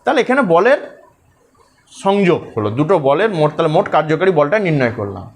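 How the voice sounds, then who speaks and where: A teacher with a high voice gives a school physics lesson, going through each step with care and repeatedly checking that his pupils are following. He talks fast, with big pitch swings and vocal fry.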